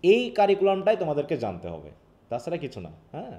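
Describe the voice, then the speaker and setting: Bangladeshi male tutor, quick patient explanations, rather high, mellow voice. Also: wildly swooping pitch. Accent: Bangladeshi Bengali. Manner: explains patiently, asks checking questions. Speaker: English teacher. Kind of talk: online live revision class.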